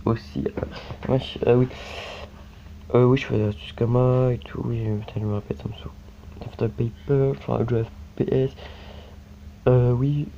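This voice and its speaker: His mid-range, gravelly voice holds a steady tone and measured pace, broken by long pauses, as this French gaming YouTuber rambles through a mobile game full of fillers and repeated tags. Recorded via a phone's screen-recording mic, the audio is dull, lo-fi and faintly hissy.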